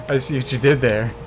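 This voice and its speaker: A man's voice: medium pitch, background noise. A man in his twenties streaming, casually coaching a speedrun step by step and laughing often. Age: 20s. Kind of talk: casual gameplay chat.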